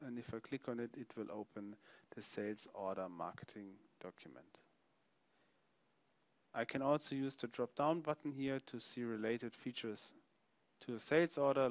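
A man narrating a software product demonstration, explaining features step by step as he clicks through them. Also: medium pitch, normal speed, no room sound, highs cut off. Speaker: software demo presenter.

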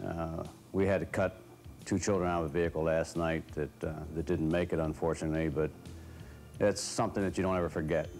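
A man's voice: deep voice, fairly even intonation, a little fast, darkish tone, soft background music. An American man in his fifties, a retired fire chief, speaking reflectively in a documentary interview. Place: fire station beside a truck, music behind.

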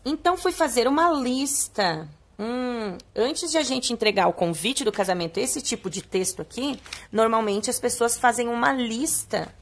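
A young adult woman teacher with a Brazilian Portuguese accent, reading a poem aloud and explaining words to young children, stretching key words slowly in a sing-song way. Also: a little high, vocal fry, a bit bright, slightly rough.

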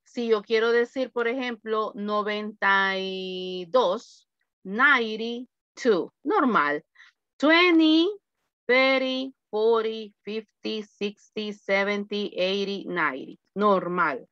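A woman teaching an English class over a video call, slowly and patiently drilling lists of numbers. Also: mid-range voice, clear, resonant tone, no room sound. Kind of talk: online class lesson. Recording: dull, lo-fi video call audio.

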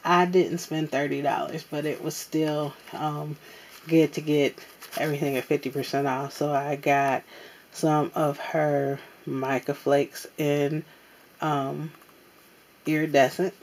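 A woman casually showing off her craft supply haul at a table, talking in an unhurried way with many ums and pauses. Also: deep voice, little pitch movement, a little mellow, a little hiss or hum. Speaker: crafting vlogger. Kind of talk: casual haul show-and-tell. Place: indoors at a tabletop.

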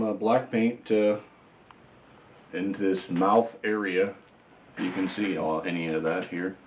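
Low-voiced male toy reviewer, loose and playful, rambles freely, roomy reverberant sound. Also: a little mellow, a little hiss or hum. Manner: rambling and playful, many fillers. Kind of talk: casual unboxing chat.

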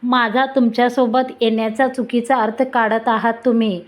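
An indignant young woman in an audio storybook, her voice sitting a touch high. A woman narrator gives her lines in her own everyday reading voice. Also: little pitch movement, normal speed, close to an everyday voice. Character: young woman fending off a man.

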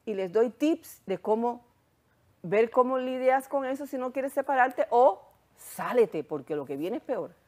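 A woman with a Hungarian accent, a sexologist guest recounting her story in animated, casual chat. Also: fairly high pitch, unhurried.

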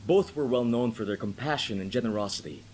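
A man's voice: mid-range voice, fast talker, slight background noise. A man co-hosting a casual game playthrough, chatting and reading the on-screen story text aloud, gesturing a lot as he talks. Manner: animated, gestures a lot while talking. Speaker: co-host.

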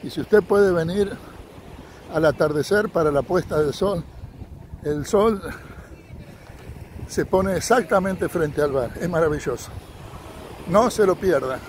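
This vlogger and tour guide strolls along a sunny beach, chatting upbeat to his viewers and recommending places, with beach noise in the background. His voice is fairly high and a little mellow, and he speaks at a measured pace with long pauses.

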